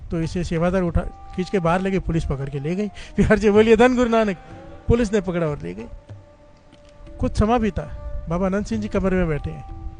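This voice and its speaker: Over faint background music, a man with a high, gravelly yet slightly mellow voice speaks briskly. He is a Sikh preacher giving katha, narrating a story with fervor. Again and again he calls on the congregation to answer, often leading them in "dhan guru nanak" in this call-and-response sermon.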